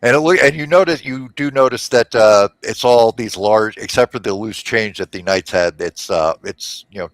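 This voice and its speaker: A man narrating as game master, unhurried and hesitant with many fillers. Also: fairly low pitch, dry recording. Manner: hesitant, full of fillers, laid-back.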